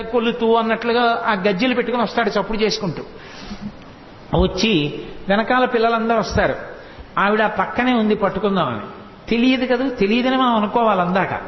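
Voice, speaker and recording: High-voiced male storyteller in an echoey hall. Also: slight background noise. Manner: lively, explanatory, acts out characters. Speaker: religious discourse speaker. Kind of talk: devotional storytelling discourse. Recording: echoey hall, dull sound.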